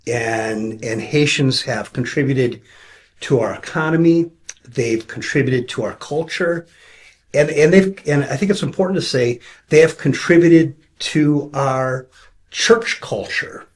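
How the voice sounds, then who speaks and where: A man talking with a church member in an earnest, quick way, often restarting his sentences. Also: medium pitch. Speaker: pastor interviewing a church member. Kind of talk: casual conversational interview.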